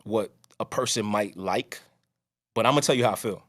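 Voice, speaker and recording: In a fairly low, fairly bright voice, a podcast host chats fairly quickly and casually. His strong delivery is loose and rambling, marked by many sentence restarts.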